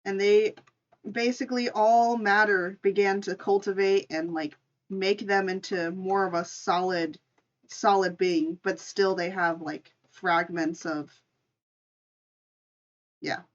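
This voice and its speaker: A woman streamer casually tells an improvised story and chats informally with her live audience. Her medium-pitched voice is fairly even and slow, and the audio sounds dull.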